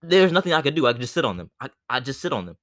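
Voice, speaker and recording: A young man joking around in a casual group conversation, quick with punchlines. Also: medium pitch, very animated, a crowd in the background.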